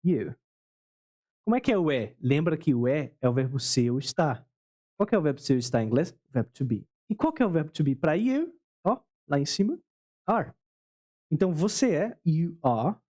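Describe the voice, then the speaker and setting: A man's voice: on the high side, big pitch swings, normal speed, dark tone. A Brazilian man teaching English grammar in Portuguese, patiently repeating key words and quizzing the viewer with questions. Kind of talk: explaining English grammar at a board.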